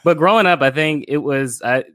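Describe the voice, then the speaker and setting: A man from Florida, a guest in a relaxed interview, talking about his life in a reflective way with frequent fillers. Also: on the high side, normal speed, no echo, clean studio sound. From Florida, USA. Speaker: podcast guest, filmmaker and brand strategist. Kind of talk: casual interview conversation.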